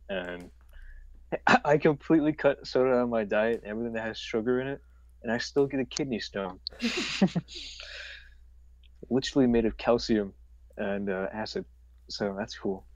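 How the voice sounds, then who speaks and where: Young male co-host, low voice, loose rambling chat full of fillers. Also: moderate pace, pauses often, no room sound, lo-fi sound. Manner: laid-back, rambling with many fillers. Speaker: livestream co-host. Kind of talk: casual chat.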